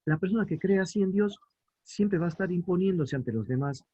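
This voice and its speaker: A man with a slightly high, mellow voice teaches scripture to families. He explains patiently, asks his listeners questions and answers them himself, and reads verses slowly. The recording sounds dull and muffled. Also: lively intonation, breathy edge. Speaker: family catechist. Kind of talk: religious instruction for families.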